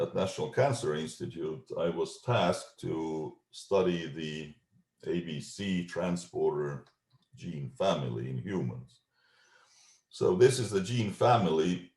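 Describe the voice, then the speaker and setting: A middle-aged man with an Estonian accent giving a scientific talk over a video call, measured and full of ums and uhs. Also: low-pitched, darkish tone. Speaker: genetics researcher giving a talk. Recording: echoey room.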